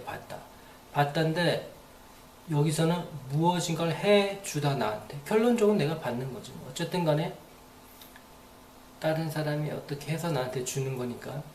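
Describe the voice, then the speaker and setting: A man's voice: a little high, a little mellow, reverberant, slight background noise. A man giving a casual, rambling spoken lesson, repeating phrases aloud to demonstrate them. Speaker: English teacher.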